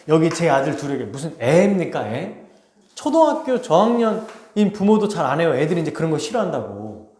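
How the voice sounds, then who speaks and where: Male pastor, expository sermon, fairly high voice, dramatic storytelling, echoey church room. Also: a little mellow. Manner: conversational, asks the congregation questions; dramatizes the text with acted quotes. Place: church sanctuary.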